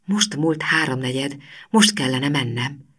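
A woman's voice: a bass voice, lively intonation, slightly rough, full character voice. A woman voicing a frightened schoolgirl's whispered inner thoughts. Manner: hushed, half-whispered.

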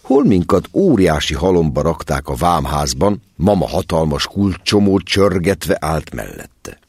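A man with a deep voice reads a story aloud, his intonation rising and falling freely. The recording is close and dry, with no room sound. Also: slightly rough, dry recording. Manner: expressive storytelling reading. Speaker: audiobook narrator. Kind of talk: scripted narration.

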